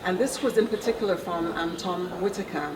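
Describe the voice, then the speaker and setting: A woman attending a conference, giving thoughtful feedback in an interview with frequent pauses. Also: on the low side, heavy background noise. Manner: thoughtful, measured, frequent ums. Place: busy conference venue. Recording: roomy, distant, loud crowd behind.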